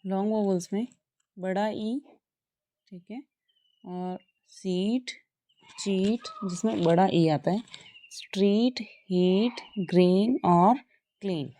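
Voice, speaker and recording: A woman's voice: mid-range voice, takes it slowly, long pauses, dark tone. A woman teaching phonetics, patiently repeating example words one by one. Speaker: English teacher. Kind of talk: classroom phonetics lesson.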